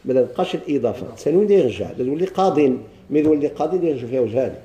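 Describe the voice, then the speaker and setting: A man with a Moroccan Arabic accent teaches a grammar lesson in a slightly high, mellow voice with lively intonation. He reads lines of a text slowly, then poses questions to the class and answers them himself.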